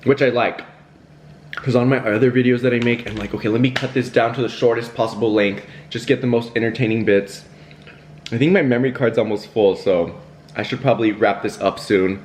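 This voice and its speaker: Young male vlogger, average pitch, talks to camera while eating, loose chatty delivery, light hiss behind. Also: fairly even intonation, a little fast, darkish tone. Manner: chatty and rambling, with fillers, laughs and self-talk. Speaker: YouTuber hosting a mukbang.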